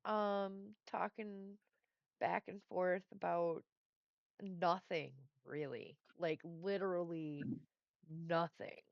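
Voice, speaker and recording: A woman's voice: fairly low pitch, steady tone, takes it slowly, vocal fry, no room sound, lo-fi sound. A woman running a tabletop game as game master, easygoing and laughing along with her players.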